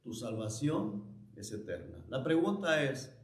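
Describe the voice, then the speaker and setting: A man preaching as a pastor, slow and emphatic, repeating phrases for weight. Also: mid-range voice, very animated, roomy sound. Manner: preaching slowly with emphatic repetition. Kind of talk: sermon. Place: church.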